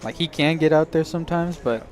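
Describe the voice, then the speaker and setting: A man's voice: a little high, fairly quick. A man giving live poker commentary in a chatty way, thinking aloud as he reads the hands.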